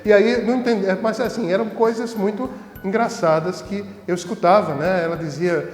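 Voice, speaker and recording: A man's voice: high-pitched, steady tone, moderate pace, soft background music. A priest telling funny stories from his ministry in a casual way, laughing easily. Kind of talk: casual storytelling. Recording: echoey room with long reverb.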